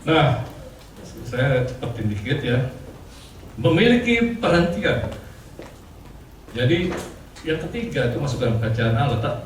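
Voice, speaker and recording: A male pastor giving a casual, conversational sermon, chatty and quick to laugh, with plenty of fillers. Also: medium pitch, sing-song, slight background noise. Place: church hall. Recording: distant mic in echoey church hall with faint ambience.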